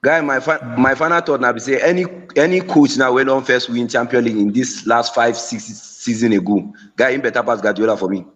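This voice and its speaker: A man's voice: mid-range voice, steady tone, a little fast, few pauses, in a large hall. A man calling in over the phone, teasing the hosts in casual football banter. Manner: teasing, addresses the host as guy. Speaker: caller.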